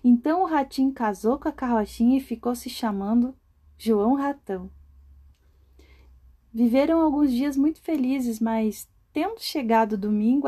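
A woman reading a folk tale aloud in a lively way, now and then laughing as she reads. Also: fairly high pitch. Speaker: storyteller.

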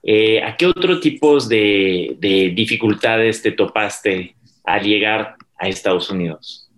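A man's voice: fairly low pitch, takes it slowly. A man, a university professor hosting an interview podcast, asking polite questions with a few fillers.

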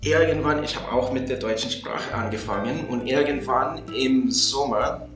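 A man's voice: mid-range voice, moderate pace, echoey room. A man in his twenties from Chicago, speaking German as a learner with an American accent and careful restarts, as a guest in a casual interview. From Chicago, USA. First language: English. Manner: careful non-native speech with restarts.

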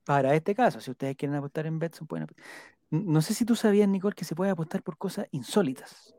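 With lively intonation and a mellow, mid-range voice, a live stream host with a Chilean accent rambles through viewer comments, reading them out and repeating names slowly as he writes them down. He's playful and joking throughout, and the close, dry audio has no echo.

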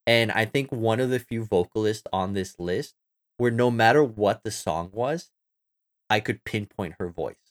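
Man, low voice, podcast co-host, casual rambling chat, lots of fillers. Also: unhurried.

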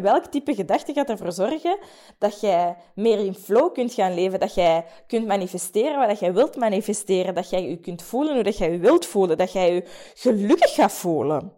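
Woman with a mellow voice coaching in a podcast. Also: medium pitch. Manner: warm, hesitant, many fillers. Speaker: podcast host. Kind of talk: casual coaching monologue.

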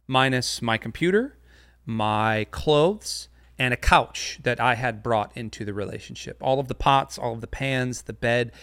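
A man's voice: medium pitch, a bit bright, no echo, studio quality. A man giving a casual, joking sermon to an online church audience, with many fillers. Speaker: pastor. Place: home studio.

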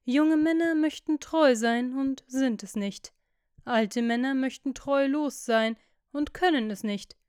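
A woman voicing a witty, cynical aristocratic gentleman who talks in ironic, lecturing tones. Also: high-pitched, slow, smooth, no room sound, clean studio sound.

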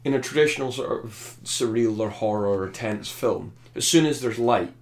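A man's voice: mid-range voice, normal speed. A man chatting casually about a film, thoughtful and rambling, often restarting his sentences. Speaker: film reviewer. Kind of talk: casual podcast chat.

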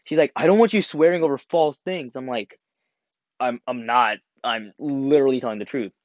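A young man telling a school story in a casual, animated way, acting out the quotes and laughing as he goes. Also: mid-range voice, normal speed, dry recording. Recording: dry, slightly dull home recording.

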